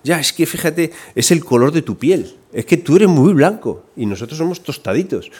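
A man's voice: a little high, animated, normal speed, a little mellow, slightly rough. A man voicing blunt village men at a tavern, matter-of-fact as they point out he isn't local.

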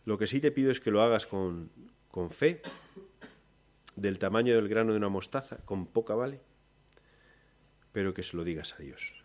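Spanish preacher swinging loud to hushed. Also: male voice, expressive, moderate pace, pauses often. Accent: Spain Spanish. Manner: shifts between loud storytelling and soft, low emphasis. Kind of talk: sermon.

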